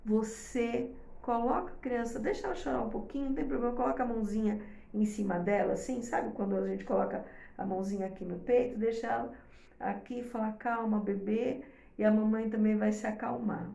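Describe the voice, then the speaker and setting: Woman host, gravelly voice, echoey room, chatty advice-giver. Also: fairly high pitch, steady tone, a little fast, warm tone. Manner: explains step by step, often checks in with "tá?". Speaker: host giving advice to mothers. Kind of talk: casual advice talk to viewers.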